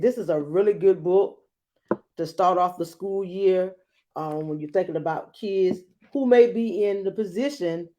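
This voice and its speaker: A teacher reads a children's storybook aloud, adding expressive explanations and checking in with her listeners. Her voice is fairly low in pitch.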